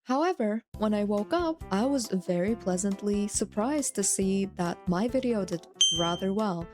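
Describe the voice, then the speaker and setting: A woman narrating her vlog from a script in a playful, self-mocking way, on a crisp new microphone. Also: mid-range voice, lively intonation, moderate pace. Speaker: VTuber content creator. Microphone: new studio microphone. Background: background music.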